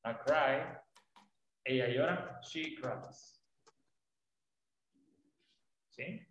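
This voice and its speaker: A man's voice: mid-range voice, extremely slow, a bit bright, reverberant, highs cut off, slight background noise. A man teaching an online English class, explaining patiently and often checking that students follow. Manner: patient, often checks understanding with tag questions.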